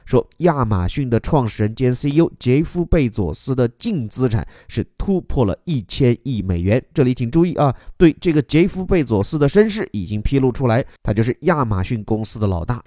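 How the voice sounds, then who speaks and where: A man teaching English through a news article, explaining words and grammar in a lively, explanatory way. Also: medium pitch, a little fast, few pauses, no echo, studio quality. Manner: lively, explanatory, reads English lines aloud and breaks them down.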